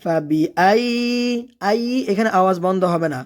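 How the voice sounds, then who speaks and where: A Quran recitation teacher giving a step-by-step lesson. The teacher chants each word in a slow, long-drawn way, then explains the rule quickly and asks and answers their own questions. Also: mid-range voice, a little mellow. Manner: leads the learner, asking and answering its own questions.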